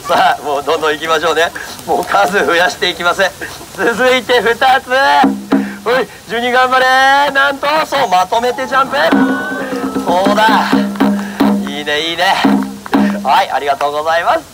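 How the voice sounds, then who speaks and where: High-voiced man running a monkey street show. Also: brisk, over loud music. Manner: jokingly scolds and coaxes a monkey, then politely addresses the audience. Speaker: monkey trainer and street performer. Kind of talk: live street show banter with a crowd. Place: outdoor autumn festival. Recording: noisy outdoor festival ambience.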